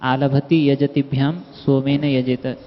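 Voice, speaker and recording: A man's voice: medium pitch, flat delivery, slow. A man, a student, respectfully pointing his teacher to a passage and reading from it. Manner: respectful, reads a passage aloud. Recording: dull lo-fi recording in a reverberant hall.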